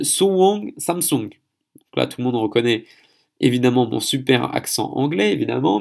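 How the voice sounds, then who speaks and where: Solo podcast host, male, from France, mid-range voice with some grit, talks in a chatty, halting way. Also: medium pitch, creaky, darkish tone. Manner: chatty, hesitant, stumbles on foreign names.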